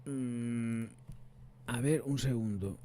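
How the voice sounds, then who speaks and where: A man's voice: medium pitch, very slow, warm tone, a little hiss or hum. A man from reviewing perfumes in casual chat, thinking aloud and trailing off as he looks things up. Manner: chatty, thinks aloud, trails off searching notes.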